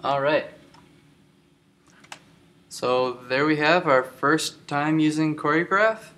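A man giving a screen-recorded software tutorial, explaining step by step with many filler ums. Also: on the high side, slow pace. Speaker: tutorial instructor.

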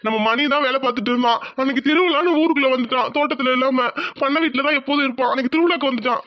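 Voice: high-pitched, very fast, fairly bright tone. A grieving old cartoon village elder. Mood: mournful. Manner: mournful, fearful complaining. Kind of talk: cartoon voice acting.

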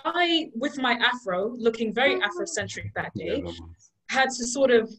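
A woman's voice: on the high side, lively intonation, normal speed, fairly bright tone, low-quality recording. Young woman, from liberia and ghana, student debater, passionate flowing argument, video call mic. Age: young adult. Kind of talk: online student debate speech.

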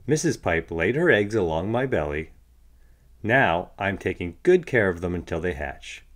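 A man's voice: low-pitched, big pitch swings, moderate pace. A man voicing a contented, proud fish father from a storybook, chipper and matter-of-fact. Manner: chipper, matter-of-fact about his duties.

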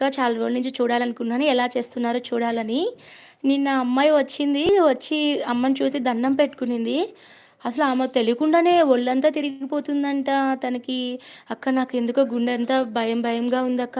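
A woman's voice: high-pitched, darkish tone. A young woman hosting a devotional livestream from home on her phone, chatting casually, telling stories and reading viewer comments aloud. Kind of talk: casual live chat with viewers. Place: home prayer room.

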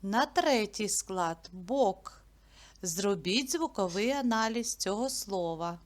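A woman teaching a literacy lesson who asks simple questions and answers them herself, stretching words slowly and clearly. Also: medium pitch, expressive. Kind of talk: slow, clear classroom lesson narration.

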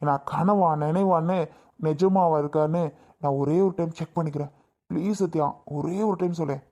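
A woman's voice: deep voice, steady tone, moderate pace, warm tone. A woman playing an eager young husband who keeps pleading and repeating himself insistently. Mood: overjoyed. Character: eager young husband, anxious then overjoyed. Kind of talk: Tamil family skit acting.

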